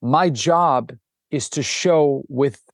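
A man's voice: fairly high pitch, takes it slowly, no echo. Guy talking through a story, lots of restarts and acting out quotes, dead dry studio mic. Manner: animated anecdotes with many restarts and acted quotes. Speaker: documentary director, guest. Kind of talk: conversational storytelling interview.

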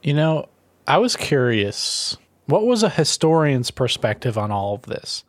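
A man's voice: mid-range voice, very animated, unhurried, soft background music. A man hosting a podcast, asking questions and narrating scripted segments in a conversational, inquisitive manner. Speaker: podcast host.

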